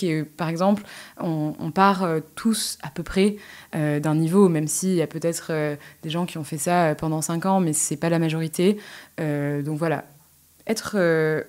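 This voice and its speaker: A woman on a podcast interview, talking through exam tips in a hesitant way, with many pauses and fillers. Her voice sits somewhat low for a woman. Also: darkish tone. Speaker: guest, English specialist.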